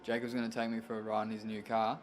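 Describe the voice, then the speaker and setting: Bloke, casual and slangy. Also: male voice, fairly low pitch, monotone, fast talker, a little hiss or hum. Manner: laid-back, slangy, swearing. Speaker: vlog host. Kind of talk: casual car vlog chat.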